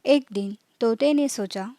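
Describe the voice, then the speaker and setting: A woman storyteller reads a scripted children's tale in a fairly high yet mellow voice. She phrases clearly and goes very slowly, recorded close and dry with no echo.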